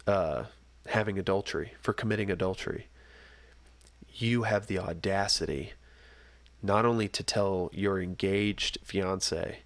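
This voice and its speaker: A young man co-hosting a casual podcast chat, animated and full of rhetorical questions, coughing now and then from a scratchy throat. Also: low voice, unhurried, no room sound. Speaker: podcast co-host.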